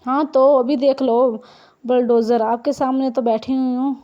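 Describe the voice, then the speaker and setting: A woman voicing Rabab, a sharp-tongued, teasing young woman about to marry, in an audiobook reading. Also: high-pitched, level tone, moderate pace, highs cut off, natural voice. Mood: cheeky. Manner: cheeky, mocking.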